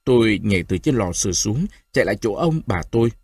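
A male narrator reads a novel aloud with an expressive, lively voice that moves freely up and down. His tone is a little husky and the recording is dry and close. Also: fairly low pitch, fast talker, no echo. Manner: expressive storytelling. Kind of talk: audiobook reading.

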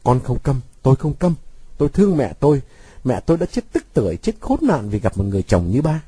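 A man's voice: medium pitch, big pitch swings, fast talker, dark tone, husky, dry recording. Man voicing a bitter, sarcastic young son. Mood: furious. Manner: sarcastic, cutting, sweetly mocking. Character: bitter defiant young man confronting father.

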